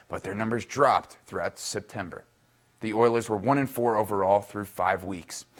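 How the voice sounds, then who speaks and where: A man reading a scripted sports segment for a local news broadcast, in a brisk, upbeat newsreader delivery. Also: medium pitch. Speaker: sports reporter.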